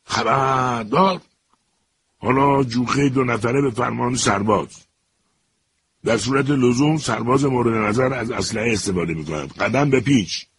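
A man's voice: on the low side, sing-song, a little mellow, slight background noise. A man voicing a hot-headed male prison guard with a mocking, commanding way of speaking. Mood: barking orders.

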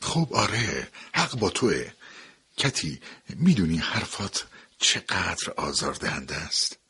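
A man voicing a reserved, gruff aging father-in-law in an audio story, speaking in a terse, weary, measured way. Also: low-pitched, big pitch swings, pushed and bright, exaggerated voice. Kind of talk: dramatic audiobook dialogue.

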